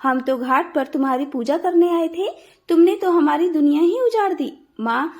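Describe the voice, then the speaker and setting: A woman voicing a pious, gentle old mother-in-law who speaks earnestly. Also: sits high, normal speed. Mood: pleading. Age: older. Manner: pleading, earnest.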